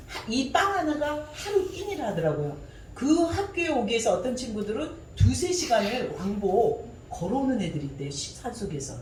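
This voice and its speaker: A woman's voice: on the high side, a little mellow, reverberant, far from the mic, a little hiss or hum, poor audio. A woman giving a personal testimony during a church service, telling her story vividly and often laughing.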